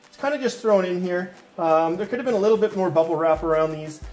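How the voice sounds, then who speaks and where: A man with a slightly high voice talks through an unboxing in a loose, rambling way, with restarts and fillers. He is in pain and a little out of breath. Soft music plays faintly under him. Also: fast talker. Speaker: unboxing vlogger. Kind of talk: casual unboxing talk.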